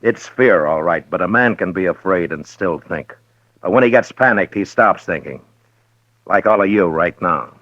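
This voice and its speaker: An actor playing a firm, skeptical Old West marshal with a dry, probing manner, in old-time radio western style. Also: male voice, deep voice, expressive, moderate pace, fairly bright tone. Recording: dull roomy vintage radio recording.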